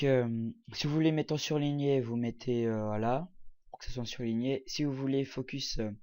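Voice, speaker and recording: Hesitant man narrating a software tutorial. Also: medium pitch. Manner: hesitant, many fillers, talks while clicking. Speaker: tutorial presenter. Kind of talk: casual screen-recorded software tutorial.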